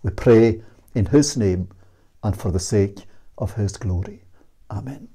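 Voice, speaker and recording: A man's voice: on the low side, mellow, slightly rough. An older man with a Scottish accent preaching earnestly, asking searching questions, then leading a prayer. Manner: earnest, emphatic questioning, slow and measured. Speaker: minister. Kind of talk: sermon and closing prayer. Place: small indoor room against a plain wall. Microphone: fixed camera at medium distance.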